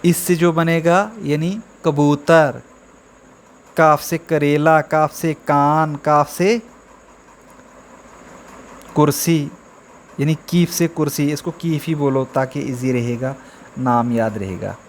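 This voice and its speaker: Male language teacher, slightly high voice, slow patient drilling delivery. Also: steady tone, slight background noise. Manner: drawn-out, repetitive letter drills with frequent "theek hai". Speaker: Urdu teacher. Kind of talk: slow beginner alphabet lesson.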